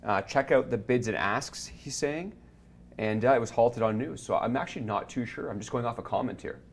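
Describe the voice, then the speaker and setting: A man's voice: mid-range voice, a little fast, a little hiss or hum. A man co-hosting a live investing show, chatting casually and joking with his co-hosts. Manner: relaxed, joking, hedges on what he hears. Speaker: co-host. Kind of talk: casual banter.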